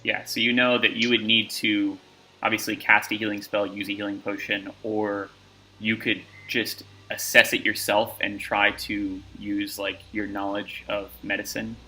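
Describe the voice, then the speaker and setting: A man's voice: on the low side, flat delivery, moderate pace, sharp tone, low-quality recording. A man narrating a tabletop game as game master, talking loosely with lots of fillers and restarts.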